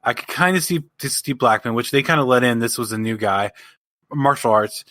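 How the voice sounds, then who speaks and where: A man co-hosting a casual podcast, ranting in an animated and exasperated way, with some swearing. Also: medium pitch, a little fast, dry recording. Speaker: podcast co-host.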